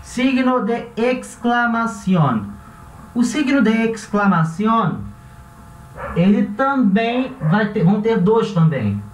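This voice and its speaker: A Brazilian man with a relaxed, chatty teaching manner who often corrects himself and checks in with his listeners. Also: high voice, slow, slight background noise. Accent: Brazilian Portuguese. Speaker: language teacher. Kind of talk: casual classroom explanation. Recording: echoey room, voice a bit far from the mic.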